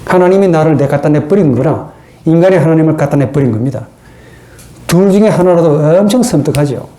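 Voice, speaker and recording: A man's voice: a little high, lively intonation, fairly quick, dark tone. A man giving a theology lecture in an earnest, preacherly way, often putting rhetorical questions to his listeners.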